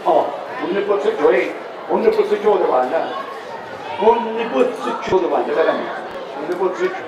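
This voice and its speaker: An actor playing a grumbling, scheming old village potion-maker with a Sicilian accent in an amateur dialect stage comedy. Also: male voice, high voice, expressive, moderate pace, a crowd in the background. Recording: echoey hall from far off, noisy audience.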